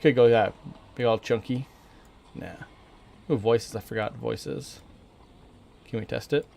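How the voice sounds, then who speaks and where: An American man of medium pitch gives casual live-stream game commentary. He rambles informally, thinking out loud as he plays. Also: a little slow, creaky, background noise. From northern Minnesota, USA.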